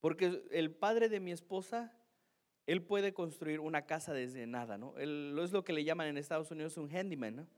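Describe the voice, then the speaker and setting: A man preaching tells a self-deprecating, funny story from his own life, speaking chattily and asking "¿no?" again and again. His voice is a little high and his speed normal.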